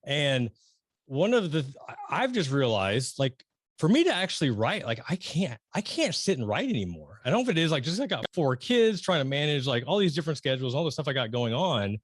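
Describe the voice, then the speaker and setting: A middle-aged man hosting an interview, talking casually and rambling with many restarts and excited emphasis. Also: fairly high pitch, fairly quick, no room sound, studio quality. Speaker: podcast host interviewing a guest.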